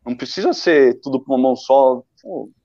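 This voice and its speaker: A man's voice: medium pitch, lively intonation, brisk, mellow. A Brazilian man, a photographer guest, telling rambling stories with enthusiasm in casual podcast chat. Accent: Brazilian Portuguese. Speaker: running-event photographer, guest. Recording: dull lo-fi sound.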